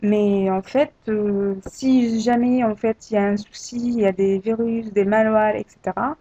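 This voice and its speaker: A woman narrating a screen-recorded software tutorial, hesitant and full of fillers and restarts. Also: mid-range voice, fairly even intonation, unhurried. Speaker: tutorial presenter. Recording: dull lo-fi home recording.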